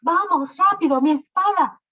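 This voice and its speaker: Woman doing a furious king, high and loud, for a spoken tale. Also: measured pace, full character voice. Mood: angry. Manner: shouting, indignant. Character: angry old male king, just healed. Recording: lo-fi recording.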